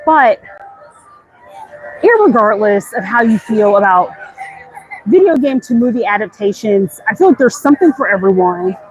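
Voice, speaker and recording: An American woman livestreams a casual walk through a busy theme park, speaking in an animated, medium-pitched voice at a moderate pace and pausing often. She's chatty and excited, greeting viewers with slang. The live outdoor audio is dull, with faint music and obvious theme park ambience.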